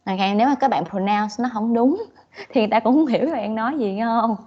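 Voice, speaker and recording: A woman's voice: a little high, fairly quick, muffled recording. A woman with a Southern Vietnamese accent teaching an English class online, switching between English and Vietnamese with frequent "okay"s.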